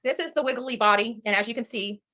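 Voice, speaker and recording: Speaking quickly in a sharp, somewhat high voice, this woman acts as an online true crime commentator on a livestream. She discusses the case and chats casually, pressing her points hard and often saying the same phrases again.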